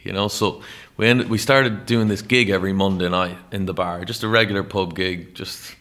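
An Irish man in his thirties, a musician, telling stories in a rambling, animated way with lots of "like". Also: deep voice, moderate pace. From Ireland. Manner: rambling, animated storyteller with many "like"s. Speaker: guest, musician. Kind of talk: casual storytelling interview.

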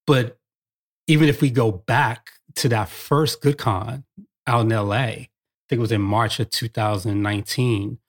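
A man's voice: medium pitch, fairly even intonation, unhurried. A man co-hosting a podcast, chatting casually and telling stories with enthusiasm. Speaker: podcast co-host. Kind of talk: casual chat.

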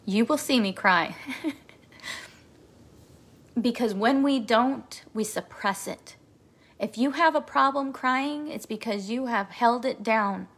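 A woman's voice: fairly high pitch, takes it slowly, pauses often, fairly bright tone, breathy edge. A woman in her forties hosting a podcast, giving an emphatic motivational monologue with lots of repetition. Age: 40s. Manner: emphatic, repetitive, emotional at times. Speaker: podcast host and coach.

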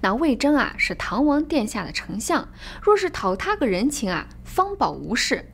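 A woman voicing an unflappable male fortune-teller in a storybook tale, slow, cool and mocking. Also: fairly high pitch, very animated, a bit bright, husky, heavily acted. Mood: calm. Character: calm, scornful old male fortune-teller.

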